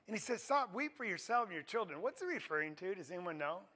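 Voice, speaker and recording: A man's voice: high voice, very animated, fast, pushed and bright. A man teaching a Bible class in a conversational way, often asking his listeners questions. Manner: conversational, asks the audience questions. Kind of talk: interactive Bible class sermon.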